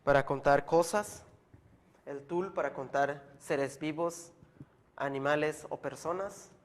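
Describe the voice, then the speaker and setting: A man with a slightly high voice teaches a language lesson, explaining slowly and patiently and repeating each word so the learner can keep up.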